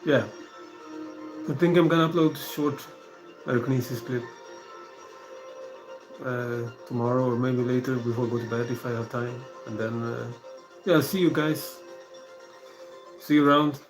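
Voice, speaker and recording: Soft-spoken man rambling on a stream. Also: mid-range voice, steady tone, faint music behind, poor audio. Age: 40s. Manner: rambling and soft-spoken, many pauses and fillers. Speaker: live streamer. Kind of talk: casual live-stream monologue.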